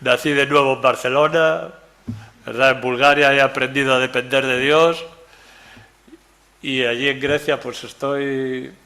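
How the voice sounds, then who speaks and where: An older preacher with a gravelly, bright voice leads a Bible study. He talks in a chatty, joking way and keeps checking in with his listeners. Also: medium pitch, fairly even intonation, unhurried. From Galicia, Spain. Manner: conversational, keeps asking "¿verdad?", jokes with the audience. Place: church meeting room.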